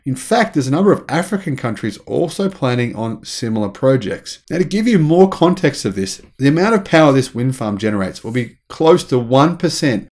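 A man's voice: medium pitch, brisk, hardly any pauses. Enthusiastic man, news vlog. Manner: enthusiastic, animated, gestures with hands. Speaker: channel host. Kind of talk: energetic news commentary. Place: small indoor room at home.

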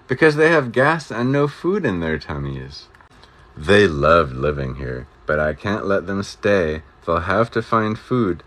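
A man's voice: rumbling low, a bit bright, full character voice. A man voicing a grumpy small male forest creature, scolding and indignant in a storybook reading.

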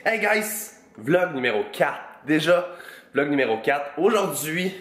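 Québécois fitness coach, roomy vlog sound. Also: male voice, fairly high pitch, a little slow. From Quebec. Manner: relaxed slang, mixes in English words. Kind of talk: casual vlog chat. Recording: roomy echo.

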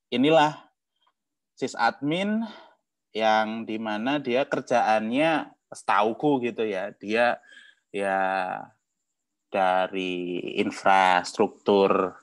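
A man hosting a casual livestream chat, joking, laughing often and filling pauses. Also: fairly low pitch, no room sound. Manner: jokey, laughs often, many fillers. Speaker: host.

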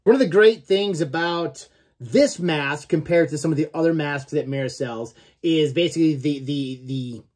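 Sitting indoors in a small home room, this man gives an informal, mildly profane product review to camera, constantly checking in with "okay?". He's in his forties and reviews gear, speaking at a normal speed in a fairly high but darkish voice.

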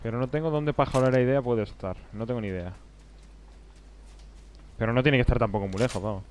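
A man commentates his own game live, muttering plans and bursting into curses. His voice sits at an everyday middle pitch. A faint noise hums under the recording. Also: quick pace. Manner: excitable, swears, talks to himself. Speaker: streamer.

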